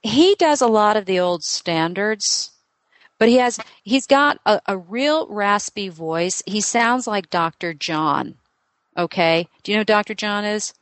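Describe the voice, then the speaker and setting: During a live reading session, a psychic medium speaks in a smooth, medium-pitched voice with lively intonation and no echo. She thinks out loud, full of filler words, rattling off a rapid string of questions to her client.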